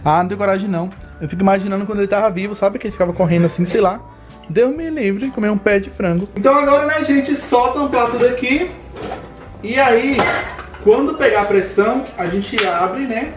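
A young man with a Bahian Brazilian accent talks very quickly to his viewers. He is chatty and casual, like a cooking vlog host, with light music in the background. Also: high voice. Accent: Bahian Brazilian Portuguese. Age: young adult. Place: home kitchen, indoors.

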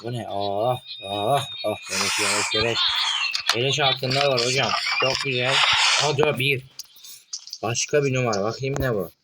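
A man casually narrating his own horror game play, excitable and jumpy, muttering and swearing at what happens on screen, recorded on a phone. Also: medium pitch, moderate pace. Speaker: gaming channel host. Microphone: phone mic. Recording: loud background noise with clicks.

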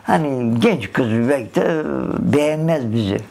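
Elderly woman, slow emotional storyteller, interview testimony. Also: rumbling low, animated, creaky, warm tone. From Dersim, Turkey. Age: older. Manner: slow, emotional, acts out the old dialogues. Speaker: interviewee, massacre survivor. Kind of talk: personal storytelling.

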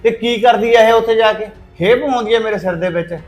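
A hot-tempered young brother, played by a man, barking threats and commands in a high, fast voice. He is harsh and domineering, with soft music under him in this short-film drama. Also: lightly acted. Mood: angry. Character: hot-tempered young brother forcing his sister's marriage. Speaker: angry brother.

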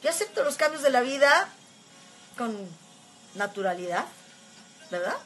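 A woman's voice: high-pitched, very animated, measured pace, fairly bright tone. A Mexican woman in her fifties hosting a casual livestream, chatting affectionately and reading viewers' comments, with frequent filler words. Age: 50s. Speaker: livestream host.

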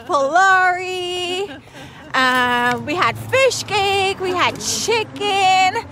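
A woman in her forties, a financial advisor, live-streaming an excited, chatty vlog on her phone while walking down a city street. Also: very high voice, very slow. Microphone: phone at arm's length. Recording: faint traffic noise outdoors. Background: street traffic.

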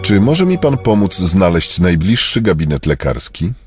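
A man reading short phrases in a measured, scripted way for a language lesson. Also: low-pitched, sing-song, a little mellow, soft background music. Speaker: Polish phrase reader.

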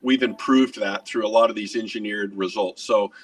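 A middle-aged man answers questions over a video call from his home office. He speaks in a fairly low voice, earnest and energetic, often repeating a word as he starts a thought. He sits a little back from the webcam mic. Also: moderate pace, recorded from a distance. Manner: earnest, energetic, gestures while talking, repeats words. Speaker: restaurant chain executive. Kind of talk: business video interview.

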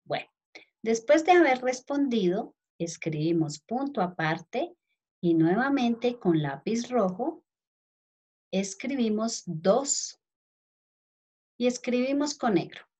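A primary school teacher with a Colombian Spanish accent dictates a lesson to young children one word at a time, spelling out letters and calling her pupils affectionate names. Her voice is fairly high, animated, husky and somewhat dark in tone. She goes slowly and pauses often.

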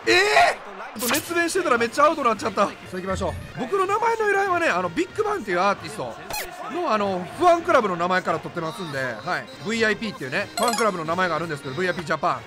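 Excitable high-voiced man with a Kansai accent. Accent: Kansai Japanese. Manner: excitable, loud outbursts and rapid repeated exclamations. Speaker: game YouTuber. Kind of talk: live gameplay commentary. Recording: game music behind the voice.

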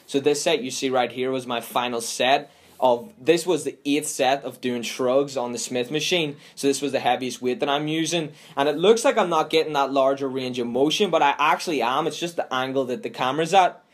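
A young man, narrating his fitness vlog in a relaxed, chatty way and swearing casually, recorded on a camera mic. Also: mid-range voice, a little fast. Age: young adult. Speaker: fitness vlogger. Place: gym, parked car, home kitchen.

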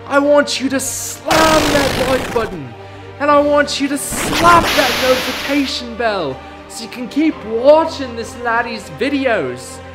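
A man puts on a loud, high-pitched voice to play a heckler wrapped in a blanket who scolds everyone and calls them laddie. His put-on accent is unsteady and keeps shifting, and he's hectoring, emphatic and bossy.

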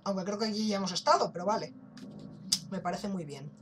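A man's voice: high-pitched, brisk, background noise. A young man with a Spain Spanish accent, chatting and joking casually while commenting on his gameplay, with the odd swear. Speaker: gaming YouTuber. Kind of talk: let's play commentary. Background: game music.

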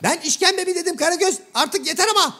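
Prissy shadow-play gentleman, male, squeaky high voice, formal, fussy, exasperated. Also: fast. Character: Hacivat, prim exasperated educated gentleman, male. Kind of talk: comic shadow-play sketch.

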